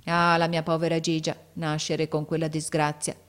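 A woman's voice: low voice, completely flat delivery, moderate pace, smooth, natural voice. A woman reading a story aloud, voicing an emotional, anxious father, a gardener who keeps exclaiming. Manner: emotional, exclaiming, rising to near shouts. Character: anxious, overjoyed working-class father, a gardener.

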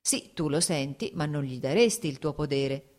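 A woman voicing an easygoing, worldly male nobleman who speaks calmly and teases in an audiobook reading. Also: low voice, moderate pace. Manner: calm, teasing.

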